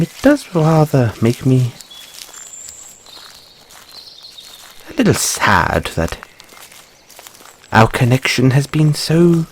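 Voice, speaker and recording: Guy doing a fussy curious rabbit boy for fantasy roleplay, super swoopy pitch, husky, polite and stammery. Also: heavily acted. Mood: wistful. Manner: flustered stammering, ornate courteous phrasing. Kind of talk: audio roleplay addressed to the listener.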